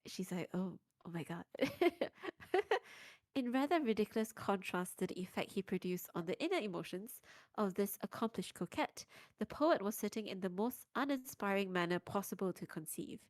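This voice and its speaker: A young woman reading aloud on a live stream in an even, mid-range voice. She drops into laughing asides between passages. The sound is close and dry. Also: medium pitch, moderate pace, no echo.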